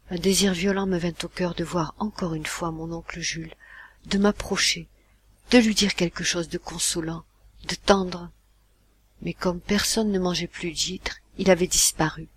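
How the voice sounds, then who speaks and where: A reader narrating a classic short story as an audiobook, with a husky, slightly breathy voice. The delivery is measured and expressive, in the steady pace of a storyteller. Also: mid-range voice.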